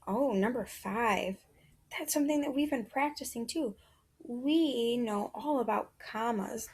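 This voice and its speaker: A woman's voice: fairly high pitch, a little mellow, breathy edge. A woman teaching a reading lesson to young children in an encouraging, sing-song classroom manner.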